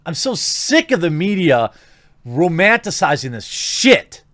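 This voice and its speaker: An American man delivers an indignant rant as an online video host. His voice sits a little high and swings widely in pitch as he hammers points home with emphasis and repetition. The recording is close and dry, with no room sound. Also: sing-song, measured pace, fairly bright tone, dry recording. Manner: emphatic, indignant, repeats phrases for effect. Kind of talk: ranting commentary, reading out statements.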